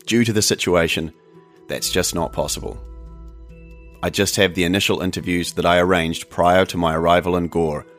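A man hosting an investigative podcast, reading scripted narration in a measured storytelling style. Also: sits low, steady tone, a bit bright, faint music behind. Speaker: podcast host and interviewer. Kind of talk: scripted narration and interview questions.

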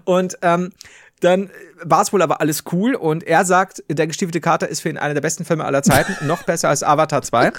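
A man hosting a casual podcast, telling an anecdote in an animated way and laughing often mid-story. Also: on the high side, fairly quick, no room sound, clean studio sound. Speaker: podcast host.

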